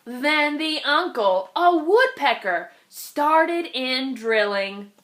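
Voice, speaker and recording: Slow, very lively woman reading aloud. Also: high voice. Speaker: storybook reader. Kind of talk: expressive children's read-aloud of rhyming verse.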